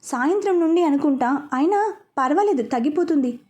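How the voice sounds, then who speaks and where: A woman voicing a caring young man who explains things calmly and reassures people. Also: high voice, brisk. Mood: reassuring.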